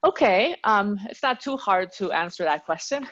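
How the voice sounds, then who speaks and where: A woman's voice: mid-range voice, lively intonation, normal speed, fairly bright tone, highs cut off. A woman from Peru, a language teacher, chatting as a guest in a casual interview and laughing often.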